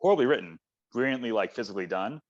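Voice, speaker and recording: A man co-hosts a casual film chat, full of enthusiasm, rambling along with fillers. His voice sits fairly low. The audio is dull and lo-fi. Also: animated, very fast. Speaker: podcast co-host. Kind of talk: casual chat about films.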